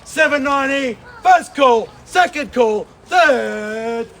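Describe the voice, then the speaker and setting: A man's voice: extremely high pitch, expressive, takes it slowly, a crowd in the background. A man calling a property auction outdoors, emphatic and projected, repeating each call. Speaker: lead auctioneer. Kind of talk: auction calling to a street crowd. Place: outdoors on a residential street.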